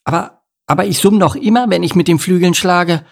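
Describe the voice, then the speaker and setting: A man voicing a ditzy, buzzing female mosquito in a storybook reading, with a high, flustered manner. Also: very animated, moderate pace, vocal fry, breathy edge, full character voice. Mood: startled.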